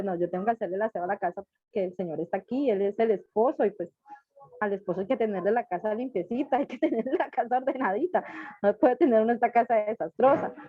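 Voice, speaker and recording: High-pitched woman, middle-aged, emotional testimony, muffled video call audio. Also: dry recording. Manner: emotional, repetitive storytelling. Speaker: tutor giving a testimony. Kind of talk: personal testimony in an online class.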